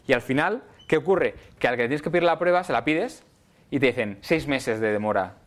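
A man's voice: on the high side, fairly quick. A middle-aged man lecturing physiotherapy students in a casual way, often checking in with "¿vale?". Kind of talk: university lecture. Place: lecture hall.

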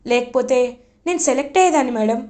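A woman voicing an earnest young girl who explains her ambition quickly, in a serial recap. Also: high-pitched, a little mellow, lightly acted.

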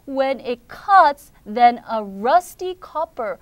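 A woman's voice: a little high, lively intonation, dry recording. A woman reading as a shy, sorrowful little rooster. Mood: sad. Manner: slow, deliberately paced reading. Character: shy, tearful young male rooster.

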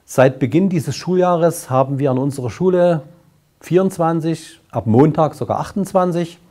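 Older man, mellow husky voice, formal. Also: medium pitch. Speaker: school principal. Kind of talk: welcoming, explanatory address to camera. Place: classroom. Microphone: lapel mic.

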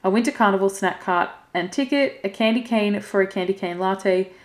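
A woman's voice: medium pitch, moderate pace, reverberant. A woman chatting casually as she unboxes craft goods, gushing, emotional and laughing often. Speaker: cross stitch vlogger.

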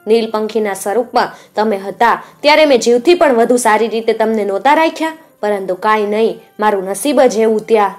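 A woman's voice: a little high, brisk, hardly any pauses, darkish tone, faint music behind, lightly acted. A woman voicing a grieving young princess who reproaches her lost prince in a lamenting way.

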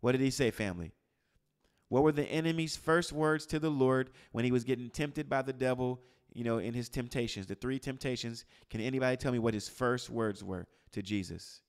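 Male preacher, mid-range voice, teaching a live group; calls on listeners by name, goes from loud to hushed. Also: medium pitch, fairly quick, smooth. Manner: quizzes the room, calls on people by name; animated, swings from loud to hushed. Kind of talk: interactive sermon. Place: church gathering with a live group.

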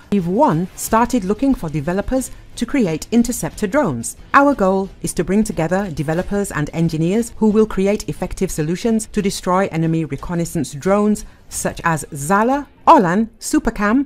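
A woman narrating a news report as a voice-over in a measured, formal read, stressing each new section. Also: medium pitch.

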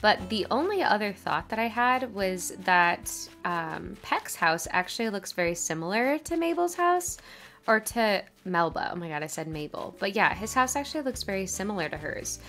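A woman's voice: mid-range voice, lively intonation, normal speed, fairly bright tone. A young woman gushing in casual gameplay commentary, with a sleepy morning voice. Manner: bubbly, gushing, chatty. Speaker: gaming YouTuber.

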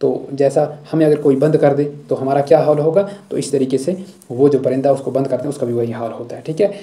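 A male teacher explaining a poem line by line, reciting each verse slowly and then explaining it with a habitual "thik hai". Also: medium pitch, fairly even intonation, warm tone. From Jammu and Kashmir.

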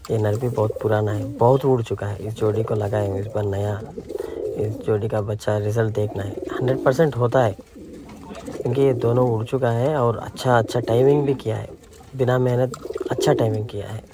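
A man's voice: lowish voice, steady tone, moderate pace, very noisy. A man casually walking visitors around his outdoor pigeon loft and explaining his birds. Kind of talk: casual vlog walkthrough. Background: pigeons cooing.

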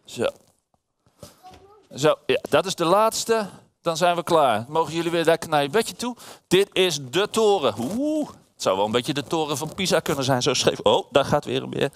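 A man's voice: on the high side, animated, moderate pace. A man reading a children's story aloud to a group of children in a room, playful and addressing them directly.

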